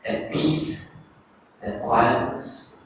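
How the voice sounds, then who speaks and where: A Sri Lankan man, a Buddhist monk, giving a calm dharma talk to a group and leading a guided reflection. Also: extremely slow. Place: teaching hall in Sri Lanka. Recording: echoey room, distant mic, faint noise.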